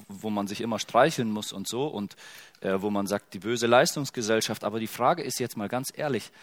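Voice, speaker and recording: A middle-aged man preaching a sermon as pastor, in a casual, joking and conversational way, putting many direct questions to his listeners. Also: lowish voice.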